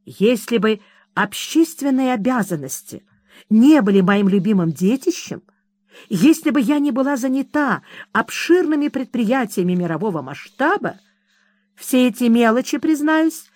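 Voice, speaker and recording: A woman reading the part of a placid, self-absorbed middle-aged mother who talks calmly and dismissively, in a dry recording. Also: fairly high pitch, normal speed, no echo, pitched above the performer's own voice. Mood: serene. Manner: serene, calm and dismissive.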